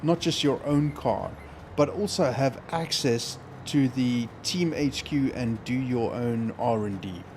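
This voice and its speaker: A man's voice: medium pitch, slow pace, a little mellow, slight background noise. A man with an Australian accent who streams games, chatting casually and joking with a friend. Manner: joking, laughs often. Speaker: game streamer. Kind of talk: casual gaming chat.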